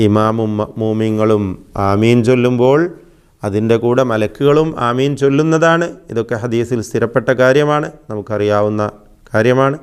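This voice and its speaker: Male teacher, patient recitation lesson, smooth resonant tone, drawn-out examples. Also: on the low side. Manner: patient explaining, drawn-out demonstrations. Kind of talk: religious lesson.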